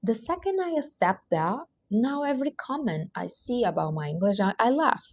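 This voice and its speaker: Recorded in studio quality with no room sound, a Portuguese-accented woman, a native Portuguese speaker, hosts a livestream and gives an earnest, emphatic motivational talk with non-native grammar. Her slightly mellow voice sits on the high side, with big pitch swings at a moderate pace.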